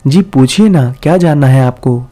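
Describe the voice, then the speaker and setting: A man's voice: medium pitch, moderate pace, mellow, lightly acted. A man playing a curious young office guy. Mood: amused. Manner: casual, smiling, questioning. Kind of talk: storybook dialogue reading.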